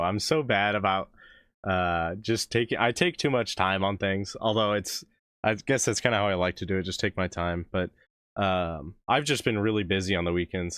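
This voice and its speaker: A man with a low, slightly bright, clean-toned voice is recorded dry with clean studio sound. He's losing his voice while hosting a music reaction stream, casually chatting with viewers, rambling, self-interrupting, and often laughing.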